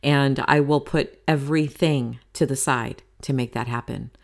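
Low-voiced motivational podcast woman. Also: steady tone, moderate pace, gravelly. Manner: candid, chatty, motivational, casual swearing. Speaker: podcast host. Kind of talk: solo podcast monologue.

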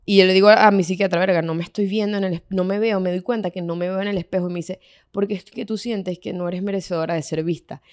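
A woman's voice: mid-range voice, fairly even intonation, fast talker, darkish tone, dry recording, studio quality. A young woman with a Venezuelan accent co-hosting a casual podcast, talking candidly with lots of slang. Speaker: podcast co-host. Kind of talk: casual chat.

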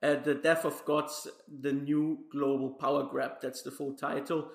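A man's voice: a little high, level tone, measured pace, gravelly. Formal podcast host, man, roomy echo. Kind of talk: scripted podcast introduction. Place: Brussels.

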